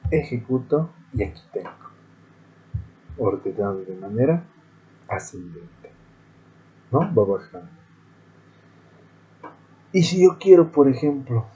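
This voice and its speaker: A man's voice: medium pitch, warm tone, dull audio. A male teacher giving a screen-recorded programming lesson, explaining methodically step by step.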